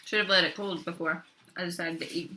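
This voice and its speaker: A woman's voice: on the low side, steady tone, brisk, bright, forceful tone, slight background noise. A young adult woman talking casually at home while eating for her vlog, chatting between bites with her mouth full. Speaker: vlogger. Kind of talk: casual mukbang eating chat.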